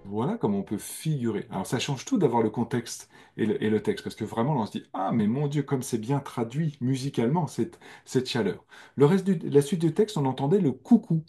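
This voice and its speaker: A man giving a music lesson, explaining slowly and carefully over recorded music. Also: medium pitch, dark tone, husky. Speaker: music teacher.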